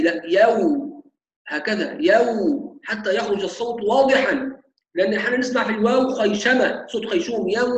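A man teaching Quran recitation, slowly demonstrating sounds and repeating them. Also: high-pitched, roomy sound, low-quality recording. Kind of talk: tajweed lesson.

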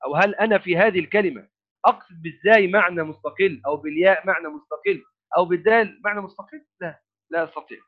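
Male grammar teacher, high voice, phone-line audio, explains step by step. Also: racing. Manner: repeats and restarts words while thinking, asks rhetorical questions. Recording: phone-like narrow sound.

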